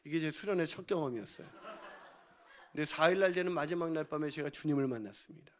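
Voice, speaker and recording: A male pastor preaching a sermon, telling a comic story with loud exclamations and hushed whispers. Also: on the high side, fast talker.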